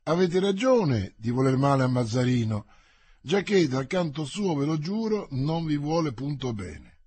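A bold young musketeer, as a male narrator reads him in an audiobook, his lines brisk and emphatic. The voice sits a little high with a husky edge. It is recorded dry and close. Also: very animated, a little mellow, no room sound, full character voice. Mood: eager. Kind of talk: audiobook reading.

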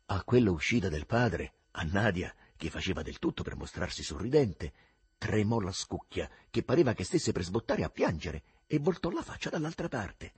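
A man narrating a novel aloud in an expressive audiobook reading. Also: low voice, moderate pace, breathy edge.

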